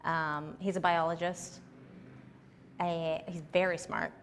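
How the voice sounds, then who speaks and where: Low, gravelly-voiced woman comedian chatting. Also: little pitch movement, slow, in a large hall, slight background noise. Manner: candid, chatty storytelling. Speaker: comedian, interview guest. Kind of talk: casual interview answers.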